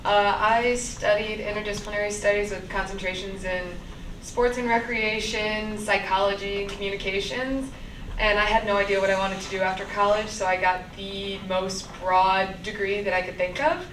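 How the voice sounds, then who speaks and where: A woman's voice: mid-range voice, steady tone, normal speed. A young woman in her twenties from Buffalo, New York introducing herself in a breezy, friendly way. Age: 20s. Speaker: AmeriCorps volunteer. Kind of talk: casual self-introduction. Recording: echoey room, distant mic, background noise.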